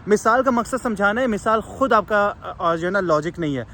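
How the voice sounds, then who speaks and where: A woman's voice: medium pitch, lively intonation, a bit bright, slight background noise. A woman tutoring exam candidates in a spoken advice lesson. She switches languages mid-sentence and keeps checking in with her listeners.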